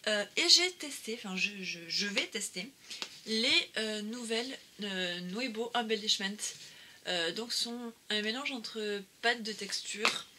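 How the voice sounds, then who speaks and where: A woman's voice: medium pitch, takes it slowly, sharp tone. Hesitant woman with noise behind. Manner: hesitant, many "euh" fillers and restarts. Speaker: craft vlogger. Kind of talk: casual haul video.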